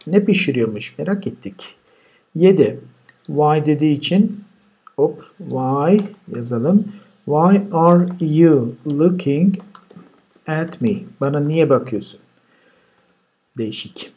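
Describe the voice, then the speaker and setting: Husky-voiced man teaching a lesson. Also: a little high, animated, dark tone. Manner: explains step by step, says example sentences slowly and deliberately, dry asides. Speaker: language teacher. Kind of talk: recorded grammar lesson walking through exercises.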